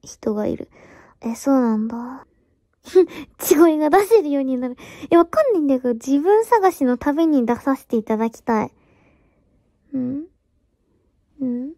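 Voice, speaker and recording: A woman streamer chatting casually over a phone mic, speaking quietly in a half-whispered mumble, her throat strained from shouting. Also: high-pitched, vocal fry, no echo. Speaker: virtual streamer. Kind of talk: casual livestream chat.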